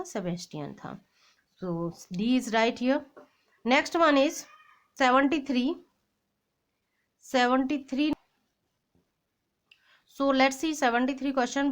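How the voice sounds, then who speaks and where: An English teacher with a high voice runs an exam-prep lesson, reading out quiz questions. She reads each English question slowly, then explains it quickly in mixed Hindi and English.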